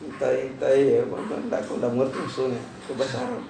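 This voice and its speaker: A man's voice: little pitch movement, very fast, vocal fry. A man teaching Arabic grammar to a class in Indonesian, telling stories between points and often checking that students follow. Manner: digressive storyteller, drops his voice low, frequent checks "jelas?". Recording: roomy class recording from far off with faint noise.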